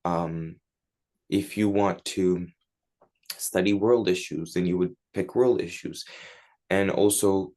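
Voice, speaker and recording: This teenage interview guest is a native Turkish speaker replying in relaxed, chatty English, leaning often on "like" and "you know." His voice sits low and warm, with a steady tone, a slow pace, and frequent pauses.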